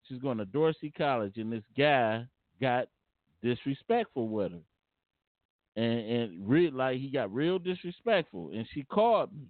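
A man's voice: mid-range voice, lively intonation, unhurried, no room sound. Man on a tinny line. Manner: earnest, repeats and restarts phrases. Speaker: vlogger. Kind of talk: casual storytelling monologue. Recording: tinny phone-like dry sound.

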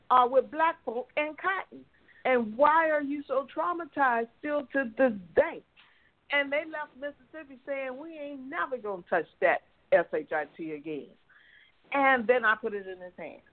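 A woman guest in an interview, telling a personal story in an animated way and acting out what her family said. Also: on the high side. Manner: animated, acts out family quotes. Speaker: guest researcher. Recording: tinny phone-line sound.

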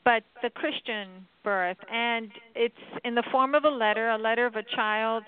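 A middle-aged woman from the US Virgin Islands speaking as an interview guest over a landline phone, explaining things in a measured way. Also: fairly high pitch, fairly even intonation. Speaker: guest, children's author and lawyer. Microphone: landline telephone. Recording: narrowband landline phone line.

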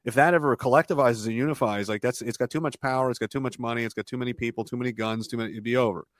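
Man, podcast guest, mid-pitched voice, rambling, restarts sentences, dry close mic. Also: steady tone, very fast, dry recording. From Canada. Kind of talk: casual podcast conversation.

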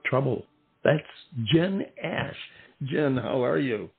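A male radio show host who has lived in Southern California interviews a musician over a phone line, asking long, winding questions in a formal, courteous way. His medium-pitched voice is expressive, slow, and slightly rough with vocal fry. The sound is tinny, with soft music in the background.

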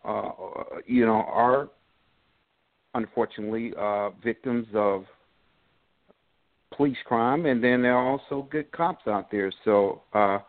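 A middle-aged man calling into a talk show over the phone, speaking haltingly with many pauses. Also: mid-range voice, no room sound. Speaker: caller. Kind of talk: call-in sports talk. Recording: tinny dry phone line.

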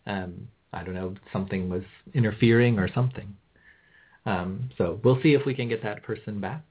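A man hosting a tarot phone-in, giving conversational readings and advice in a measured, explanatory way. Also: breathy edge. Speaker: phone-in tarot show host. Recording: muffled low-bandwidth call audio.

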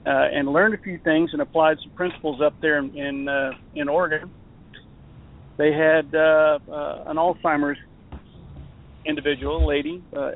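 A man speaking as a guest in a casual podcast interview, earnest and hesitant with many pauses. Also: a little high. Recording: phone-like narrow audio.

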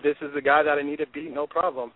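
Over a tinny phone connection with a dry sound, a twenty-something draft prospect talks fast in a fairly high, flat voice. The football player answers his interview with intensity, confidence, and drive.

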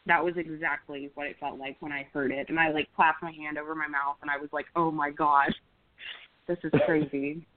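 Woman, 30s, from Oklahoma, chatty storyteller with fillers, lowish voice, dry phone-line sound. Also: flat delivery, fast, hardly any pauses, dry recording. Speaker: podcast host and guest. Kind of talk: casual interview chat. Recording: tinny phone-like call audio, dry.

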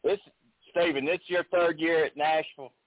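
A man's voice: fairly high pitch, fairly even intonation, normal speed, no room sound. A man hosting a casual interview in an informal, folksy way. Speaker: show host. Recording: narrowband phone-like sound.

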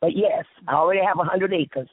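A woman from the South Carolina Sea Islands with a Lowcountry Gullah Southern accent tells stories conversationally and emphatically, repeating phrases and acting out dialogue. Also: quick pace, slightly rough, dry recording. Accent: Lowcountry Gullah Southern American. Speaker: interview guest. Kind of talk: animated conversational storytelling. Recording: narrow, tinny phone-like audio.

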